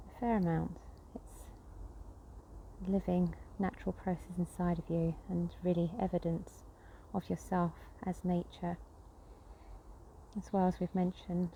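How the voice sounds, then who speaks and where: A woman guiding a nature breathing meditation, speaking gently and unhurriedly with pauses between phrases. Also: on the low side, highs cut off, a little hiss or hum. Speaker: nature connection guide.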